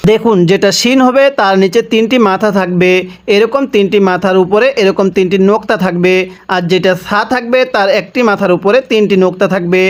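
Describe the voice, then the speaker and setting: A man teaching Quran reading, reciting each phrase slowly and drawn out, then explaining the rules and asking how it should be read. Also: high-pitched. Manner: repeats words and asks "how do we read it?". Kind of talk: step-by-step Quran reading lesson.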